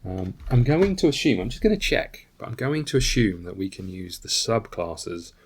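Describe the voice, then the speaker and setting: A man's voice: lowish voice, lively intonation, moderate pace, slight background noise. A man casually playing a solo board game, reading out rules and thinking aloud as he checks his moves. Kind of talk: casual tabletop playthrough.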